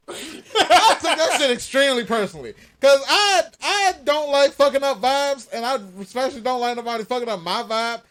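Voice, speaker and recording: A man's voice: very high-pitched, lively intonation, moderate pace, fairly bright tone. A man co-hosting a podcast, talking bluntly with lots of swearing and stop-start restarts. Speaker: podcast co-host. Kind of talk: casual chat.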